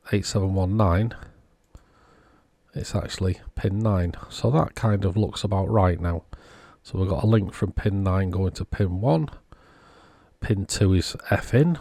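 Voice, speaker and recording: A man giving casual, unhurried technical commentary, thinking aloud as he inspects a circuit board. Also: low-pitched, gravelly, warm tone, slightly rough, no room sound. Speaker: electronics repair vlogger.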